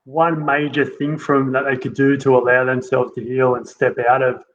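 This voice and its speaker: A man's voice: medium pitch, level tone, moderate pace. A man hosting an interview who agrees readily and muses aloud, often checking in with "right?". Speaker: interview host. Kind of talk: conversational interview. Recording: dull lo-fi sound with faint noise.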